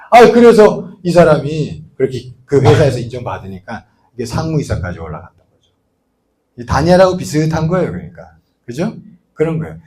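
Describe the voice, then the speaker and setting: A church sermon comes from a pastor whose voice is slightly high and a bit mellow. His storytelling stays conversational, broken up by rhetorical asides and questions aimed at the congregation.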